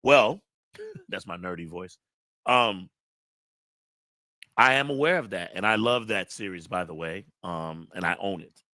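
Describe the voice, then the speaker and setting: A middle-aged man hosting a live stream, talking in a rambling, relaxed way with many fillers. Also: deep voice, measured pace, long pauses, no room sound. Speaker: host. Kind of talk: casual live-stream chat.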